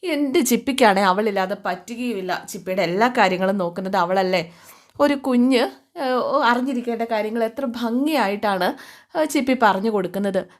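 A woman's voice: on the high side, close to an everyday voice. Woman doing a remorseful young husband.

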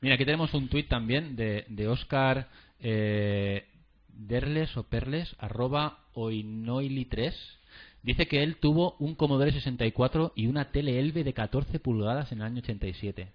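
A man's voice: medium pitch, normal speed. A man hosting a podcast, leading a casual group chat and reading out listener tweets. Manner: chatty, leads the talk and asks questions. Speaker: podcast host. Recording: dull lo-fi podcast audio.

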